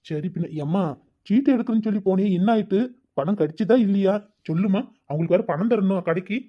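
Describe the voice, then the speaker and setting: A voice actor playing a calm grown son and elder brother in a cartoon family comedy, on a dull, muffled recording. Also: male voice, high voice, fast talker. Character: grown son coming home, young man.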